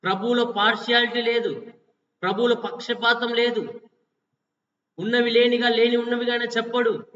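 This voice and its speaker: A man preaching a fasting-prayer sermon, firing repetitive rhetorical questions at listeners and swinging between loud exhortation and quiet passages. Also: extremely high pitch, fairly even intonation. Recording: distant, echoey, dull lo-fi.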